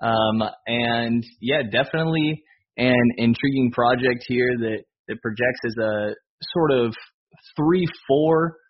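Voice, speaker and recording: A man hosting a basketball podcast in a relaxed, casual way. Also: mid-range voice, takes it slowly, slightly rough, highs cut off. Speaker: podcast host.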